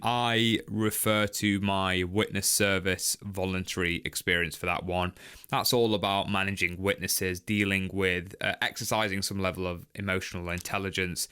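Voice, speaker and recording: A man, a lawyer walking through career advice point by point in a steady, matter-of-fact way. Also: lowish voice, smooth. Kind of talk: instructional talk to camera.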